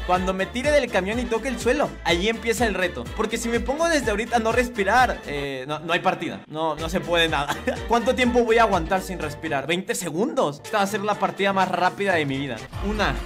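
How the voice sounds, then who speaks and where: A man's voice: sits high, lively intonation, music in the background. A young man, joking and laughing his way through casual gaming commentary at his desk. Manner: playful, joking, quick to laugh. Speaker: gaming YouTuber.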